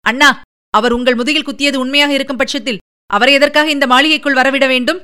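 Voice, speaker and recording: A woman's voice: high-pitched, steady tone, fast talker, sharp tone. A woman reading a Tamil story, voicing a young princess who asks earnest, pleading questions. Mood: troubled.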